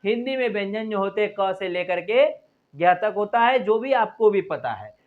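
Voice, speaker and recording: An earnest male teacher explaining grammar to his viewers, who repeats his points and spells words out letter by letter as he writes on the board. His voice sits high for a man. The recording is dull and lo-fi. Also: animated, normal speed. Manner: earnest, repetitive, addresses viewers as "my friend". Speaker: English teacher. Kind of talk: Hindi-language grammar lesson at a board.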